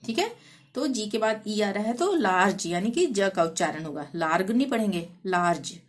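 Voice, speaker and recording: A woman's voice: mid-range voice, expressive, normal speed. A woman teacher explaining pronunciation rules patiently, spelling out words letter by letter and repeating each rule. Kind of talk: language lesson.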